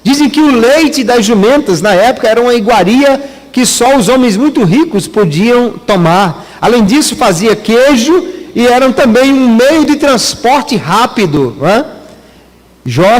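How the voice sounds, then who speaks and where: High-voiced Brazilian pastor preaching. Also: male voice. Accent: Brazilian Portuguese. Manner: teaching, addresses congregation as brothers. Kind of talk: sermon. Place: church hall. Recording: long church hall reverb.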